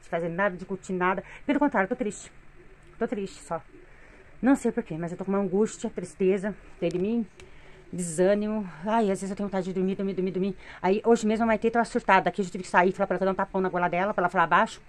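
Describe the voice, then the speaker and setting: A middle-aged vlogger and mother of three, accented in Brazilian Portuguese, races through a weary complaint in a steady, mid-range voice. She's recording a casual home vlog on her phone in the living room.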